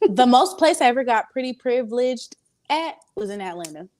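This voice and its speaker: A woman's voice: fairly high pitch, crowd noise. A woman co-hosting a podcast, telling blunt, crude stories in casual chat. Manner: fast, animated storyteller, blunt and crude. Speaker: podcast co-host.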